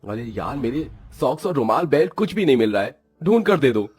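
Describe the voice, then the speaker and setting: A man's voice: medium pitch, big pitch swings, brisk, a little mellow, husky, soft background music. A man doing an impatient young husband. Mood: complaining. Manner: complaining, impatient.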